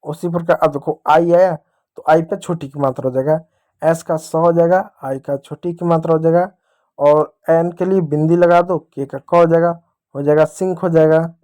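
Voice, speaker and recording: A man's voice: fairly high pitch, fairly even intonation, normal speed, mellow. Patient Indian male phonics teacher. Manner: patient, repetitive, addresses children directly. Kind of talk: phonics lesson for children.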